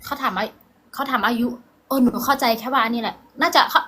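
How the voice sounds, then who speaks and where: A woman's voice: a little high, fast talker, bright, forceful tone, slightly rough. A young woman with an Isan (Northeastern Thai) accent playing a flustered village girl in a comedy sketch, who pleads and stumbles over English words. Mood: fumbling.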